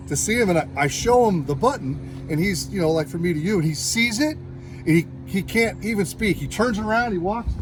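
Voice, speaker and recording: With a high-pitched voice and background noise, a Californian man rambles casually through his metal detecting hobby story. He's an American hobbyist who acts out what people said to each other.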